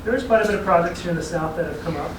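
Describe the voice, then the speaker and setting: A regional transportation planning staffer briefs a city council, his voice a little high and very fast. He's easygoing and explanatory, chuckling at his own asides. The room is an echoey chamber, picked up by a distant mic with clear background noise.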